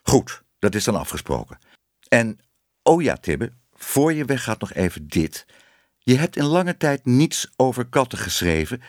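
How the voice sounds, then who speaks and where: A man's voice: medium pitch, sing-song, a little slow, no room sound, studio quality, voice pushed up. A man reading a storybook, voicing a stern but fair newspaper editor who lectures firmly. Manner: firm, lecturing, then kindly.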